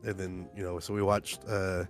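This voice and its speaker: A congested young man co-hosting a casual podcast chat, rambling and halting. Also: low voice, little pitch movement, soft background music. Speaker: podcast co-host.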